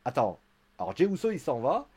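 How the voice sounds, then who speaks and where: A man's voice: medium pitch, huge pitch swings, a little fast, warm tone, slightly rough. A man giving a casual live-stream recap of a wrestling show, chatty and joking, with theatrical asides to his viewers.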